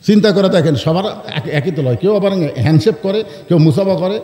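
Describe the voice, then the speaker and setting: A man's voice: high-pitched, lively intonation, a little fast, mellow, reverberant, in a large hall. A man preaching a sermon, telling stories with great passion, acting out the voices, and calling on the crowd to answer him. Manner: impassioned storytelling, acts out voices, calls on the crowd to answer. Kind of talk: Bengali waz sermon.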